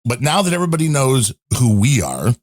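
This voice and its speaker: A man's voice: medium pitch, big pitch swings, brisk, a little mellow, no room sound, clean studio sound. Chatty man telling a rambling story. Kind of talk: casual chat. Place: home in a storm-hit area.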